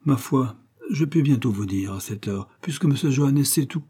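A man voicing a kindly, flustered female housemaid in a read-aloud story, his voice pushed higher as she confides in quick, breathless chatter. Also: animated, mellow, breathy edge. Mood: flustered confiding.

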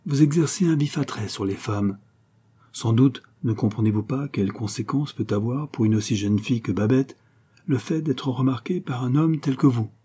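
A man's voice: medium pitch, moderate pace, dark tone, breathy edge, natural voice. A man reading aloud and voicing an anxious, plain older woman who pleads earnestly in a storybook. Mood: pleading. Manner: earnest pleading, rising to outcry.

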